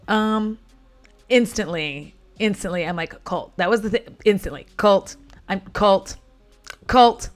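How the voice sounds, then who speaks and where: A woman casually recapping a film at home while doing her makeup, chatty and dramatic, with frequent profane asides. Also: on the low side. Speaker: vlogger retelling a film.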